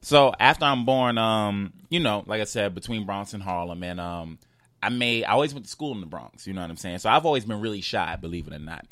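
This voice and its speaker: A man's voice: fairly low pitch, lively intonation, fairly quick, fairly bright tone, no room sound. A young man from New York with a slight lisp, a comedian telling loose, profane stories in a casual interview. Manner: loose, storytelling, cursing freely. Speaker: comedian guest.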